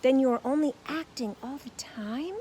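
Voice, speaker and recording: A woman's voice: high voice, moderate pace, warm tone, slight background noise, pitched above the performer's own voice, close to an everyday voice, rough recording. A woman voicing a polite, earnest small young bear who speaks patiently and firmly in a storybook.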